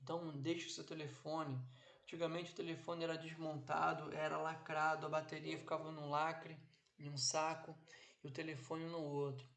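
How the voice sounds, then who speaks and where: This Brazilian instructor has a fairly high, gravelly yet bright voice with a level tone, and he lectures online from a home office. Background noise is audible as he stretches his phrasing and keeps tossing in "ok?" and "né?" to check on listeners.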